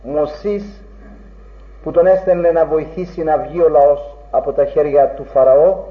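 A man's voice: fairly high pitch, fairly even intonation. A man preaching a sermon in an earnest, rhetorical way, with old-fashioned phrasing. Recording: dull, echoey room recording.

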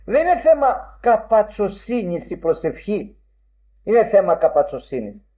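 High-voiced man preaching, lo-fi. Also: sing-song. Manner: emphatic, rising sharply when quoting; old-fashioned formal phrasing. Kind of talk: sermon. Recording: dull lo-fi recording.

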